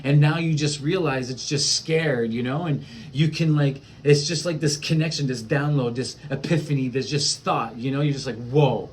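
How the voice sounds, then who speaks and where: A man's voice: mid-range voice, normal speed, slight background noise. A man talking casually and at length about spiritual experiences, rambling with many fillers and restarts. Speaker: spiritual vlogger.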